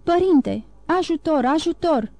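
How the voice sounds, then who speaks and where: A woman's voice: sits high, warm tone, no echo, close to an everyday voice. A woman voicing a dying, wounded male ex-convict who pleads and gasps for help, in an audiobook reading. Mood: desperate. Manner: pleading, gasping cries for help.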